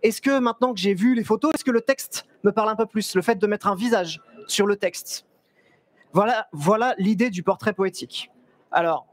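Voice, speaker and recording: At a trade fair in a large indoor hall, a young photographer gives a live stage presentation, his high voice captured by a headset mic. Chatty and lively, he frequently restarts sentences and jokes with the audience. The recording is dry.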